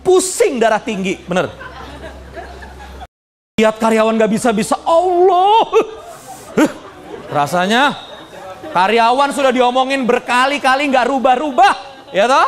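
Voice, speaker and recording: A man giving a lively, joking seminar talk on business and addressing the audience directly. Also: extremely high pitch, measured pace, pauses often, a faint crowd. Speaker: business speaker and motivational trainer.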